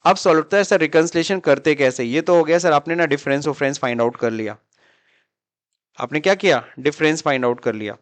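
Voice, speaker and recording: A male accounting teacher from India lecturing in Hindi sprinkled with English terms, checking in with his students through constant little questions. His voice sits a bit high, and the recording is close and dry with no room echo. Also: fairly quick. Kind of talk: classroom lecture.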